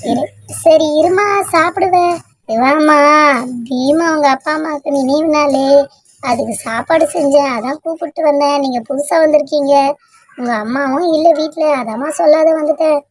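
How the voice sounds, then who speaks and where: A frail, doting old village granny in a cartoon, scolding the kids with love and fussing over their food, as a woman voices her. her voice sits high, and she sounds kind but tired. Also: normal speed, no echo. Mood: gentle. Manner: affectionate scolding, calls children dear. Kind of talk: cartoon voice acting.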